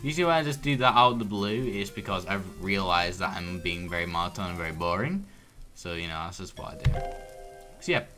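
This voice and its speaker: Male let's player, deep-ish, flat and rambling, mutters numbers, over loud game music. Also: a little fast. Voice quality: tends toward monotone. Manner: rambling, counts orders aloud under his breath. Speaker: let's play host. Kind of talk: casual gameplay commentary. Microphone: desk microphone at full volume.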